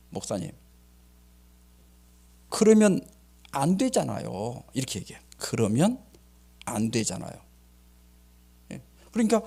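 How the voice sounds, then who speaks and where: An older man, a pastor, preaching a sermon in an animated way and voicing the people in his stories. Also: a little high, gravelly, husky. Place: healing center meeting room.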